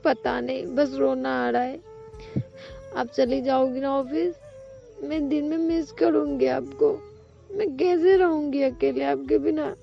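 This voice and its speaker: A woman voicing a tearful, clingy young woman in love, who talks in a soft, weepy, pleading way. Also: sits high, fairly even intonation, slow pace, creaky, muffled recording, faint music behind, voice pushed up, heavily acted.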